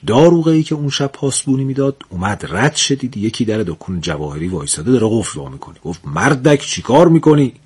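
Husky-voiced male folk storyteller. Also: lowish voice, hardly any pauses. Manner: lively, chuckling storyteller.

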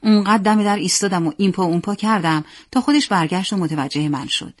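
A woman reading a story aloud as narrator in a steady, plain manner. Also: mid-range voice, no room sound, studio quality.

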